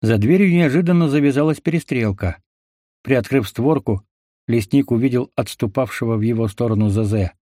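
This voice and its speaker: Dry, steady male audiobook narrator. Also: mid-range voice, moderate pace, dry recording.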